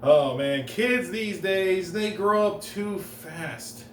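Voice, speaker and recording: On a comedy stage, a man delivers deadpan one-liners with a halting rhythm, pausing and restarting before the punchlines. His middle-pitched voice carries through the roomy live room and is picked up from a bit back, with faint room noise behind him.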